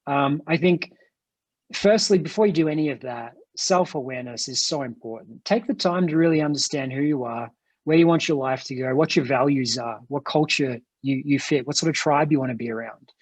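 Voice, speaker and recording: A man's voice: mid-range voice, fairly quick, no echo. A man with a non-American English accent, a company executive answering interview questions over a video call, earnest and enthusiastic, often restarting his words. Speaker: franchise company executive, guest.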